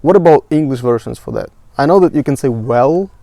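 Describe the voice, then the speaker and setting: Mellow man asking questions. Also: medium pitch, fairly quick, vocal fry, no echo. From Ukraine. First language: Russian. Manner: inquisitive, asks follow-up questions. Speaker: host. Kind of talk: casual conversation.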